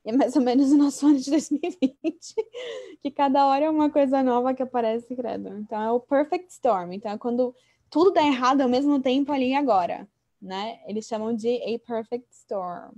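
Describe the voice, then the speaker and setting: A woman teaching English idioms in an online class, explaining them in a chatty way and often checking in with a quick tag question. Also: high voice, dark tone.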